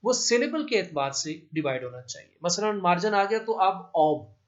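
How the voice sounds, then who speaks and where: A male teacher explaining English grammar rules slowly, repeating each term and giving English examples. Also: high-pitched, expressive. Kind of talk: classroom lesson explanation. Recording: dull lo-fi recording.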